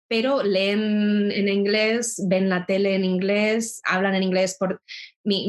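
A middle-aged woman from Spain, a guest in a conversation, speaking thoughtfully with frequent restarts and rhetorical asides. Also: medium pitch. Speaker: interview guest. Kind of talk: reflective conversation.

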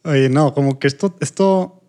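A man co-hosting a casual podcast, thinking aloud with frequent pauses, restarts and tag questions. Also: fairly high pitch, a little mellow. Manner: hesitant, searching for words, many tag questions. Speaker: podcast co-host.

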